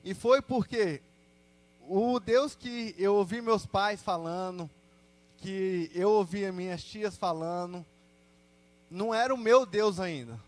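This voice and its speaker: A man's voice: sits high, slow pace. A young man with a Brazilian Portuguese accent gives a personal testimony to a church congregation, telling his story in a casual, slangy way. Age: young adult. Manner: casual, slangy storytelling with lively quoted asides.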